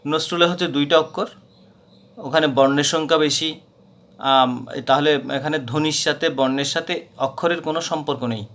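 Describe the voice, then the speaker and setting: A man's voice: fairly high pitch, moderate pace, fairly bright tone. A man teaching a grammar lesson, patiently repeating points with frequent hesitations. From Bangladesh.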